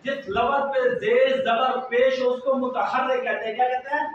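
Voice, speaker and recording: A man's voice: extremely high pitch, fairly even intonation. Man teaching, very echoey and distant. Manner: asks and repeats questions to children; slow, drawn-out pronunciation drills. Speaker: Quran reading teacher. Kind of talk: classroom lesson. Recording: very echoey, distant, muffled, slight noise.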